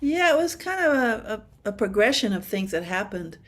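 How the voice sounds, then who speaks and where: A woman's voice: medium pitch, sing-song, moderate pace. A woman in her seventies from Washington state, a percussionist guest chatting animatedly over a video call and laughing often. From Washington state, USA. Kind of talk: casual interview chat.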